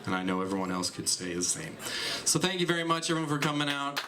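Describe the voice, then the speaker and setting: A man's voice: on the high side, very animated, fast talker, background noise. A man, a comedian, giving an earnest, heartfelt tribute speech on a comedy club stage through a handheld mic. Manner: earnest, sincere.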